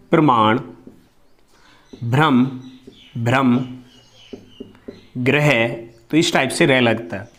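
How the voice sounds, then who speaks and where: Teaching a Hindi grammar lesson, a higher-pitched man from India explains slowly and repeats himself often. He drills key words and answers the questions he asks.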